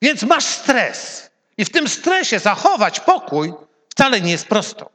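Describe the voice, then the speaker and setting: A middle-aged man preaching a sermon, swinging from loud emphatic lines to hushed ones. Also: high-pitched, big pitch swings, unhurried. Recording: long hall reverb.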